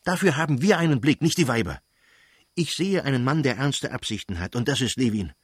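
A man's voice: mid-range voice, animated, breathy edge, no room sound, clean studio sound, voice pushed up. A man voicing a hot-tempered elderly prince who scolds his wife in scornful outbursts, in a reading of a novel. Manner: blustering, scornful, quick outbursts.

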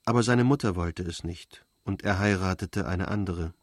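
A man reading aloud voices a calm, gentle young woman who speaks plainly and quietly. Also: deep voice, moderate pace, no room sound, clean studio sound.

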